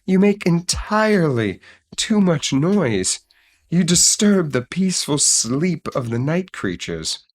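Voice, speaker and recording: A man voicing a gentle, sleepy-eyed sloth in a storybook reading, speaking slowly and softly. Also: a little high, big pitch swings, no echo, pitched above the performer's own voice, heavily acted. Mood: scolding. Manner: slow, soft and pleading. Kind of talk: storybook voice acting.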